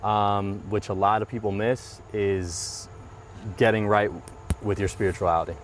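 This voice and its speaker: A man's voice: lowish voice, flat delivery, measured pace, a little hiss or hum. A man in his thirties talking earnestly and reflectively in a casual interview, often repeating his phrases. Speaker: guest, mortgage business owner. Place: outdoors by a parked car.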